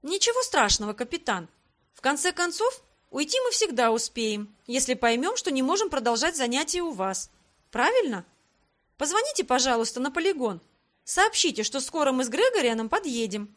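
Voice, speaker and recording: Cast: a woman as a brisk, teasing young heroine, lively high delivery. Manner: brisk, commanding, playful. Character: bold cheerful young woman, bossy and teasing. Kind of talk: audiobook character reading.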